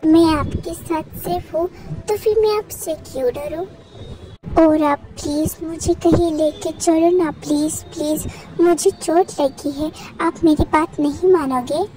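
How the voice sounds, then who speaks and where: A cute teenage schoolboy, whiny and pleading, as a woman voices him, high and eager. It is a spoken fan story with music under the voice. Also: measured pace, warm tone, low-quality recording.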